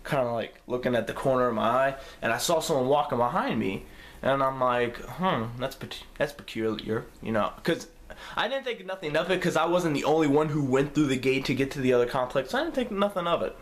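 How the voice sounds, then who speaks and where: A young man telling a story on his vlog, casual, profane and animated. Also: medium pitch, quick pace. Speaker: vlogger.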